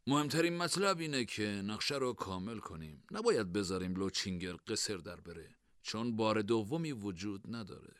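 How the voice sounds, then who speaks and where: A man voicing a serious, calculating conspirator in an audiobook, low and measured. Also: lively intonation, a bit bright, no echo, clean studio sound. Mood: grave.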